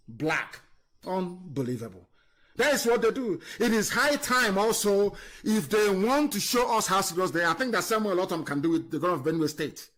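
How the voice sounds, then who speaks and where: A man giving an impassioned political monologue on a live online stream, scornful and fiery, swinging between loud emphasis and low muttering. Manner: fiery, scornful, repetitive insults. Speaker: political broadcaster.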